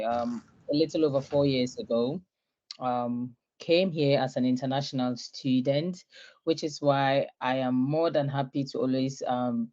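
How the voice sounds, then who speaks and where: A woman's voice: a bass voice, warm tone. Young woman from Ghana, lo-fi call. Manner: friendly, laughs easily, many "um" fillers. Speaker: guest. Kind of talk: online interview, self-introduction.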